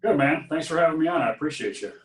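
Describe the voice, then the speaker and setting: An easygoing man from Ohio, USA, tells his story as a podcast guest in a casual interview, laughing now and then. His voice is a little high, expressive and very fast, picked up from off mic with a roomy, distant sound.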